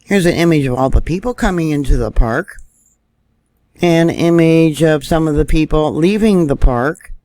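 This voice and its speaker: A news vlogger chats casually while screen-sharing maps and camera views, thinking out loud with plenty of fillers. His slightly high voice is mellow and moderately paced, recorded with no room sound.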